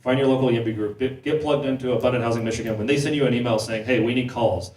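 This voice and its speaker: A man speaking at a panel discussion, talking quickly and repeating words as he thinks. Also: medium pitch, fairly even intonation, a little mellow. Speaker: panel speaker on housing policy. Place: event hall. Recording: echoey room, mic heard from a distance.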